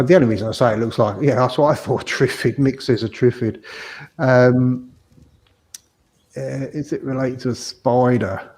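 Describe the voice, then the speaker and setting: A man from England hosts a casual live stream from home, working through viewer comments in a loose, rambling way. His voice sits at an ordinary middle pitch, and he fills gaps with ums and joking asides. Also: a little mellow. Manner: rambling, chatty, filler-heavy, joking asides. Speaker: host of a live property stream. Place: home, garden nearby.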